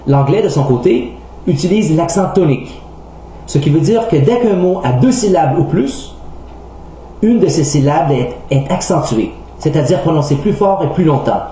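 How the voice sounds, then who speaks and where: A man with a Québécois French accent, a native French speaker teaching English pronunciation in a scripted lesson, speaking slowly and carefully. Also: fairly high pitch, animated, warm tone. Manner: slow, careful, enunciating word examples. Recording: very echoey room, faint hum.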